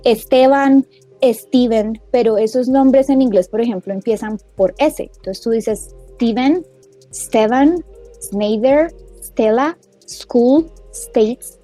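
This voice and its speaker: A woman's voice: on the high side, dark tone. A woman who co-founded a language school, answering questions in a radio interview and patiently explaining pronunciation like a teacher while she sounds out example words.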